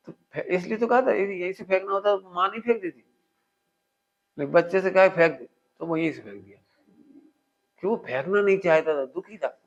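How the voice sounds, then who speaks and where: High-voiced man teaching a spiritual discourse. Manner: quizzes listeners with call-and-response questions; animated, with everyday household examples. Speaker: religious teacher. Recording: dull lo-fi recording.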